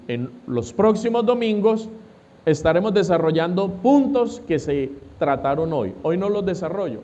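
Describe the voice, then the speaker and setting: A man's voice: fairly high pitch, warm tone, dull audio. A man, a pastor preaching a sermon who asks the congregation questions and answers them himself.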